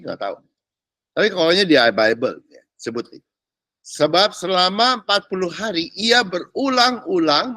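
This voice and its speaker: A man preaches in a lively, high-pitched voice that leaps up and down. He talks to the congregation casually, throwing in slang and mocking asides. The sound is dry and close, with no room echo. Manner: animated, mixes casual Jakarta slang and English words, mocking asides. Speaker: pastor. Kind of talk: sermon.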